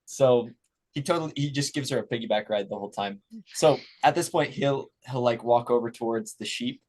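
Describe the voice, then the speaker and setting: A man's voice: medium pitch, fairly quick, darkish tone. A man playing a tabletop game, easygoing, laughing often and repeating words as he describes his character. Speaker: player. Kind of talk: tabletop role-play chat.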